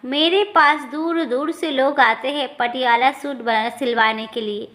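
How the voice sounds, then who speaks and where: A woman's voice: high-pitched, steady tone, measured pace, a bit bright. Woman voicing a sleazy wheedling male tailor. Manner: wheedling and defensive. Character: sleazy male village tailor, smooth-talking.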